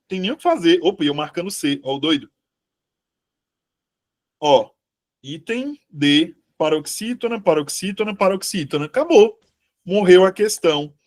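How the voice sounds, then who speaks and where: Slightly high and a little slow, with lively intonation, this man's voice carries a Brazilian Portuguese accent. He runs a chatty live exam-prep review, checking on students and fixing his own mistakes aloud.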